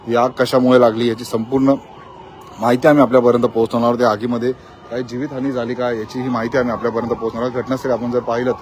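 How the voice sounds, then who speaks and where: A man reporting live from the scene of a factory fire, in a quick, repetitive on-the-spot news style. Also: mid-range voice, little pitch movement, background noise. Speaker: field reporter.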